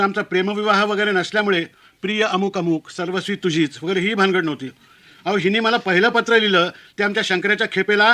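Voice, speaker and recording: A man's voice: high voice, bright, forceful tone. A man telling a comic story of his own wedding in a wry, self-mocking way.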